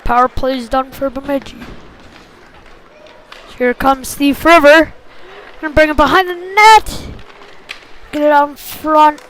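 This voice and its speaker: Unhurried and pausing often, a female commentator gives casual play-by-play of a youth hockey game in terse, colloquial lines. Her voice is high-pitched with a fairly bright tone. The amateur livestream from the ice rink has faint background noise.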